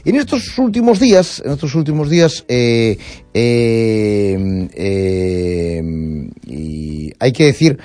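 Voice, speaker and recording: A man's voice: medium pitch, very animated, slow, warm tone. A man with a Galician Spanish accent hosting live radio, chatting informally and often repeating or rephrasing himself. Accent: Spanish from Galicia, Spain. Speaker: radio host.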